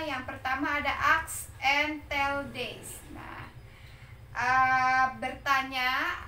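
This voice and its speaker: A high-pitched woman teaches English to children, explaining exam topics patiently and checking understanding as she goes. Her voice is bright and clear. The recording sounds roomy, with her a little away from the mic. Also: distant mic, a little hiss or hum. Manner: patient, repeats and checks with "ya" and "nah". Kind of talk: explaining exam material to young pupils.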